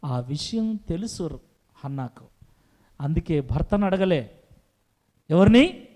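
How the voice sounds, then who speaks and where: A man's voice: fairly high pitch, expressive, slow, mellow. A male preacher delivering a sermon with emphasis, asking rhetorical questions and repeating his phrases.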